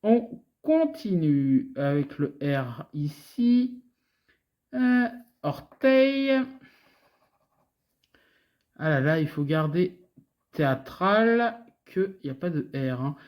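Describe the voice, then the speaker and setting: In a low-sitting voice, a French woman from France narrates her scratch-card video with a thick French accent, talking casually to viewers about each ticket. She is very animated yet slow, leaving long pauses, and the recording's highs are cut off. Chatty and audience-focused, she sings out repeated letters in runs.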